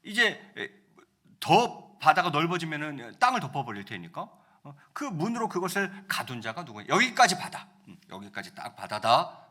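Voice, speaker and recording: A man's voice: a little high, very animated, moderate pace, bright, forceful tone. A male pastor giving a conversational sermon, often asking the congregation rhetorical questions.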